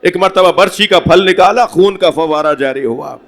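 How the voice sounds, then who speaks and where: A male cleric delivering a mourning sermon at a religious gathering, impassioned and rising to shouted lament. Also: sits high. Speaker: Shia cleric giving a majlis. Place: mosque hall at a gathering.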